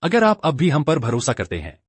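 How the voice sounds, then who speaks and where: Sincere young husband, husky, lively tone. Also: male voice, a little high, fairly quick, dry recording, exaggerated voice. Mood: reassuring. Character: earnest young man, loyal husband. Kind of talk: dubbed drama acting.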